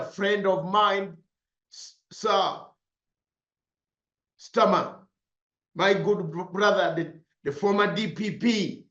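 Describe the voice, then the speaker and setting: A Ugandan broadcaster delivers an impassioned political speech, repeating points emphatically. His voice sits high with a fairly bright tone, though the recording is roomy and slightly dull.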